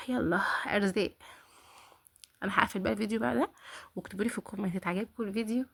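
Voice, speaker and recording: Fast, mocking Egyptian woman. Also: medium pitch, creaky, bright, forceful tone, husky. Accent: Egyptian Arabic. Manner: mocking, exasperated, talks straight to viewers. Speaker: reaction video host. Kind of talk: casual reaction commentary.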